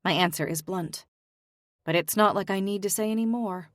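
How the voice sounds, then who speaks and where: A woman's voice: medium pitch, moderate pace, dry recording, clean studio sound. A young woman giving emotional, weary first-person audiobook narration. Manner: emotional, weary, introspective delivery.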